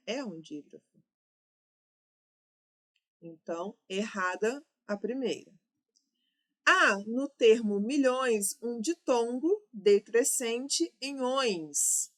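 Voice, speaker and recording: A woman with a Brazilian Portuguese accent and a slightly high voice leads a grammar lesson aimed at an exam, laying it out step by step while correcting herself.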